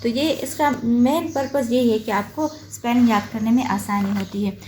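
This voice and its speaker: A woman teacher with a Pakistani accent explaining a school lesson slowly and patiently, sounding out words one at a time. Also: fairly high pitch, darkish tone, slight background noise. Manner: slow, patient, spells out each word.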